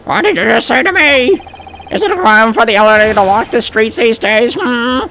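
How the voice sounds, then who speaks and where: A man's voice: very high voice, moderate pace, pushed and bright, slight background noise, pitched above the performer's own voice, heavily acted. Man putting on a cranky, querulous very old man. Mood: indignant, querulous.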